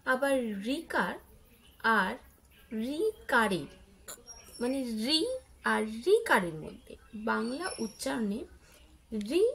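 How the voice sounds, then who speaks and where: A woman's voice: high-pitched, vocal fry, a bit bright, rough recording. A woman teaching children a grammar lesson, explaining step by step, asking her pupils questions and drawing out example words. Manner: drawn-out word examples.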